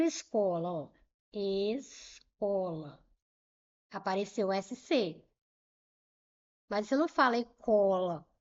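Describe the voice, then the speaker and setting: A woman teaching Portuguese grammar with a Brazilian accent, spelling out letter pairs and repeating words slowly to show how they sound, checking in with short questions. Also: a little high, dull audio. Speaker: Portuguese teacher for civil service exams. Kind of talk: explaining grammar at a whiteboard.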